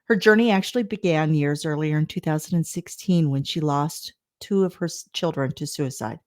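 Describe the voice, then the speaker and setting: A woman's voice: deep voice, moderate pace. A woman hosting a podcast, speaking earnestly and leaning hard on key words as she introduces her guest. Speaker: podcast host. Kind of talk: podcast interview.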